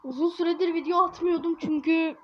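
Woman, high voice, casual gameplay commentary, slangy, jokey, scolding, dull lo-fi recording. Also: fairly even intonation, fairly quick. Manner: joking, slangy, scolds the game baby. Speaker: gaming YouTuber. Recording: dull lo-fi with faint hiss.

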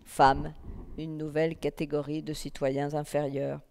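A woman reading a literary text aloud at a festival, in a calm, measured first-person narration. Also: low voice, creaky. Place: festival stage in a hall. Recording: long reverb of a hall.

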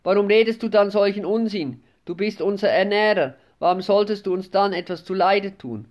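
Man doing shrill anxious talking goats. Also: normal speed, lightly acted. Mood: reproachful. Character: frightened worried talking goats, a herd.

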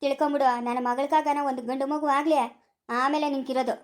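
A woman voicing a forgetful, sharp-tongued old village grandmother in a cartoon, with a rural Chikkaballapura Kannada accent. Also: sits high, fairly even intonation, brisk, close to an everyday voice. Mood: scolding. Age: older.

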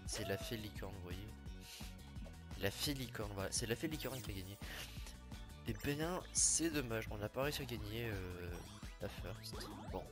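A young man giving casual, excitable commentary over his own gameplay, chatty and cheering himself on. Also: on the low side, moderate pace. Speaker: gaming video creator. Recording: music playing under the voice.

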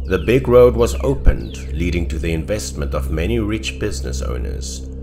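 A man with a very low voice tells a scary story in scripted narration. His delivery is animated, rising and falling through each line. Soft music plays quietly underneath. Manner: dramatic storytelling with swings in pitch and loudness.

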